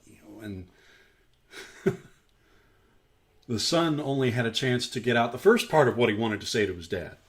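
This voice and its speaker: A man's voice: medium pitch, moderate pace, long pauses. A man hosting a daily scripture stream, talking through a parable in a conversational way, with frequent "you know"s. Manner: animated, conversational, many fillers like "you know". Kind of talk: Bible study talk.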